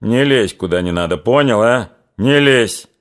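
An icy Cossack trooper talks back in short, sneering jabs, as a man puts him on. His menace comes out slow and deliberate, rough and unbothered. This is a storybook character from an audiobook. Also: mid-range voice, animated, natural voice. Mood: menacing. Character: cold, mocking Cossack killer, grown man.

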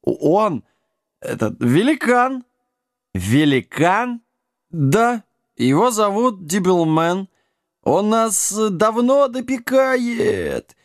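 A man's voice: high-pitched, sing-song, extremely slow, no room sound, clean studio sound, voice pushed up, full character voice. Man doing a stammering drunk little gnome. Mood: frightened. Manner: stammering, slurred. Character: small drunk bearded male gnome, timid.

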